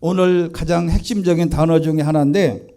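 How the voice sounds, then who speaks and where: A middle-aged male pastor preaching with a high, smooth voice. His tone is mellow rather than bright, and he delivers the sermon earnestly, stopping to have the congregation repeat key phrases. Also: fairly even intonation, brisk.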